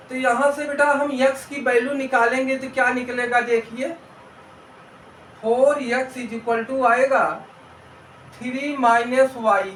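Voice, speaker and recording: Slow, high-voiced male maths teacher. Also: fairly bright tone, slight background noise. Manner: patient, repeats steps, asks students rhetorical questions; mixes English maths terms into Hindi. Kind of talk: step-by-step maths lesson. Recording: roomy echo, mic at a distance.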